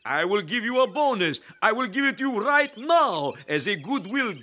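A man's voice: sits high, sing-song, moderate pace, bright, forceful tone, full character voice. A man voicing a pompous squire who owns a mill, bossy and then wheedling and apologetic. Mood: eager.

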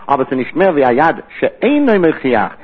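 A man's voice: a little high, very animated, brisk, husky. Talmud teacher, male, explains in short repeated phrases, tinny phone-quality recording. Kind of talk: Talmud study lecture.

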